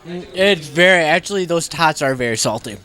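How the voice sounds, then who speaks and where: Young man, high voice, bright, sniffly, laughs a lot, casual podcast chat. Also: lively intonation, fairly quick. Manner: laughing, talking while eating. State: allergies, sniffly. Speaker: podcast co-host.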